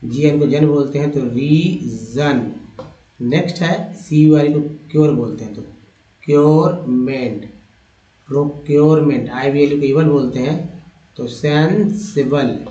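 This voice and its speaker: Guy teaching english phonics, kinda high voice, echoey muffled room, sounds a bit far from the mic. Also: dark tone. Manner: explains spelling patterns slowly, repeating words. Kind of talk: phonics lesson. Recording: dull roomy sound from off-mic.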